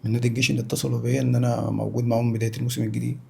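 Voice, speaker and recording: An Egyptian man speaks as an interview guest in natural, unscripted talk. His voice is heavily creaky and rather husky. He insists on his points, restating them at a very rapid pace. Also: mid-range voice, little pitch movement, a little mellow. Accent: Egyptian Arabic. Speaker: interview guest, former professional footballer.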